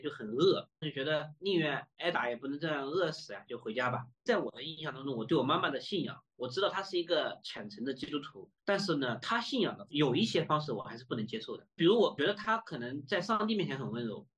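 A man's voice: mid-range voice, fairly bright tone. A young adult man earnestly telling a personal faith testimony as an interviewee, reflecting on his past and recounting scenes with quoted dialogue.

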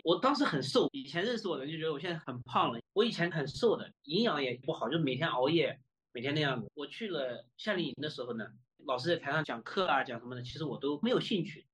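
A man's voice: on the high side, fairly bright tone. A young adult man earnestly telling a personal faith testimony as an interviewee, reflecting on his past and recounting scenes with quoted dialogue.

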